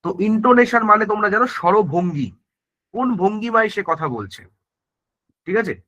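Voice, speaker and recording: Speaking quickly in a high, expressive voice that's bright and forceful, a man teaches grammar for an exam. He walks through each step, tosses in tag questions to check in, and keeps restarting and correcting his words. The audio sounds dull.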